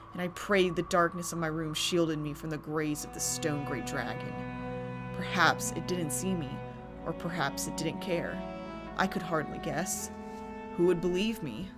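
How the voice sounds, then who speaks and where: A woman hosts and narrates a campfire horror story. Her voice sits on the low side, and she delivers it in a theatrical, deliberate storytelling way. Music plays clearly behind her. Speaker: host and narrator of a scary story channel.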